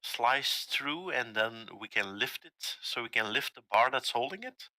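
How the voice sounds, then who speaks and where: A man's voice: medium pitch, lively intonation, unhurried, bright, forceful tone, dry recording, low-quality recording. A man playing a tabletop game, trading casual banter as one of the players.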